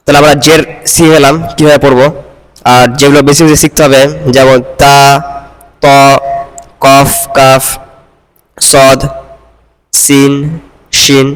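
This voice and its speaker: Patient man teaching letters, echoing. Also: mid-range voice. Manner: patient, corrective, repeats syllables slowly. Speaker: Quran recitation teacher. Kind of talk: one-on-one reading lesson.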